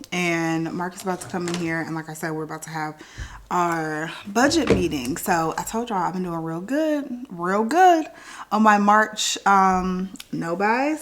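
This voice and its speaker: A woman, chatting upbeat to camera at her kitchen table in a casual vlog, repeating herself as she goes. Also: fairly low pitch. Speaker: vlogger.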